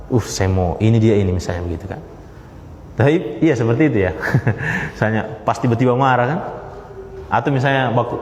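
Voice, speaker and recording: A man teaching a religious study class to listeners in the room, lively and repeating his key phrases. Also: mid-range voice, roomy sound, long reverb tail, slight background noise. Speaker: Islamic teacher. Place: study gathering with listeners present.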